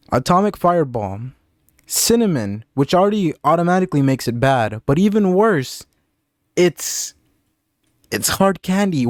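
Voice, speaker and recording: A man's voice: on the high side, dry recording. Sarcastic young man reviewing candy. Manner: deadpan, sarcastic, jokey asides. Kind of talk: casual comedic review vlog.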